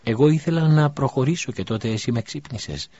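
A man doing a frail young boy, high and urgent. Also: lively intonation, mellow, breathy edge. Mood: dreamy. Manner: high, urgent childlike pleading. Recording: dull lo-fi recording.

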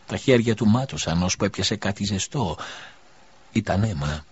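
A man narrating an audiobook with measured, solemn delivery. His voice sits low and husky. The recording has a dull, lo-fi quality. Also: animated. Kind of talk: scripted narration.

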